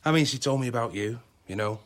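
An actor playing a smarmy, breezy boss in a radio sitcom, glib and chummy. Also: male voice, mid-range voice, fast, lightly acted. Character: smarmy, breezy young male boss who discards his friends.

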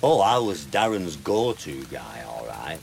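An actor playing a self-pitying gardener, wistful and grandiloquent in a radio sitcom. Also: male voice, extremely low pitch, very animated, unhurried, gravelly, slight background noise, full character voice. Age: 30s. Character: weary, self-pitying male gardener in his thirties, cast out by his boss.

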